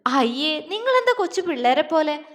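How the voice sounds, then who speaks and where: Storybook young wife, coaxing and teasing read by a woman, high voice, reverb. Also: sing-song, moderate pace, a bit bright. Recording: long reverb.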